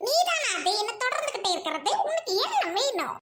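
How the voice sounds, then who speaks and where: A woman's voice: extremely high pitch, very animated, a little fast, heavy background noise. A woman voicing a timid cartoon girl who wails and pleads in fear of a ghost. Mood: terrified. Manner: wailing, pleading. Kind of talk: cartoon voice acting.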